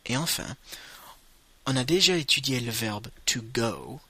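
A man's voice: medium pitch, sing-song, a little slow, pushed and bright, breathy edge. A man teaching vocabulary in a patient lesson, saying each word and repeating it for learners to echo. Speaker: language teacher. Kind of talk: slow spoken language lesson.

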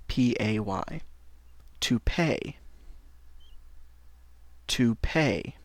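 A man gives a language lesson in a very slow, deliberate voice. He repeats each word and spells it out letter by letter. The recording is dry and close, with no room sound. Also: mid-range voice, no echo. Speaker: English teacher.

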